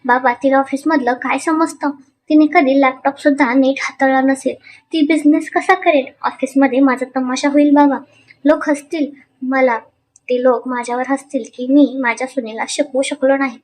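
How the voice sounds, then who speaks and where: A proud, hot-tempered young husband, read by a woman narrator in a storybook serial. He snaps and scorns in a high voice. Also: fairly even intonation, moderate pace, close to an everyday voice. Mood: angry. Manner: sharp, scornful, shouting. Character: angry arrogant young husband.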